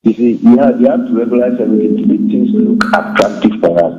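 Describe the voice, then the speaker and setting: A man, phoning into a radio show to give his view in an earnest, animated way that repeats its points, heard through a phone line. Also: mid-range voice, fast talker, faint music behind. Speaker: radio call-in caller. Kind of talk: call-in opinion. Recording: muffled phone line with faint hiss.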